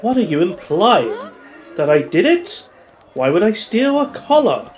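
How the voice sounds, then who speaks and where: A man's voice: sits high, huge pitch swings, measured pace, voice pushed up, heavily acted. A man voicing a flirty, world-weary female cat burglar from a game, with drawling, teasing sarcasm. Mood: defensive. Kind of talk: game character voice acting.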